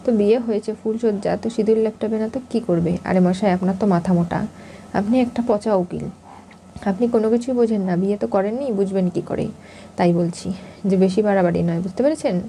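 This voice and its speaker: Scheming bossy young bride, read by a woman, scolding and coaxing, dark even voice. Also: medium pitch, brisk, a little hiss or hum, lightly acted.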